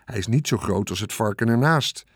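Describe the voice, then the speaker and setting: A man's voice: lowish voice, animated, a little fast, breathy edge, no room sound, clean studio sound. Man doing an approving fair bystander.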